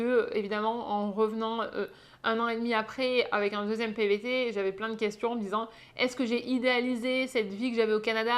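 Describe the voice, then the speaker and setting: Young french woman vlogging, chatty, says euh a lot, voice a bit on the high side. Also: fairly bright tone. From France. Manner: chatty, frequent "euh" fillers. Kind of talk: casual storytelling to camera.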